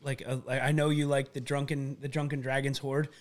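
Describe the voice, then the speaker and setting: A man's voice: medium pitch, flat delivery, fairly quick. A man chatting casually on a podcast, enthusiastic and swearing freely as he hypes things up. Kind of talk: casual chat.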